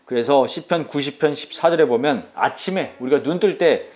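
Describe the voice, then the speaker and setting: A man's voice: on the high side, moderate pace, a little mellow. A man in his thirties preaching a Sunday sermon as pastor, in a casual, conversational way, asking his listeners questions and laughing now and then.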